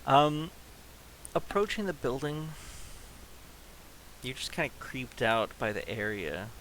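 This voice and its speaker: A man runs a tabletop game, describing scenes slowly and deliberately. He pauses often as he feels his way through the narration, his voice sitting at an ordinary middle pitch. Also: very animated, fairly bright tone, slight background noise, rough recording. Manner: slow, halting narration with pauses. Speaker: game master.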